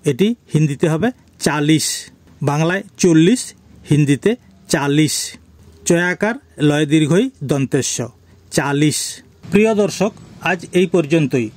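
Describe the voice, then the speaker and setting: A man teaching a spoken language lesson, saying each word slowly, repeating it and spelling out its letters. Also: high voice, a little mellow, dry recording.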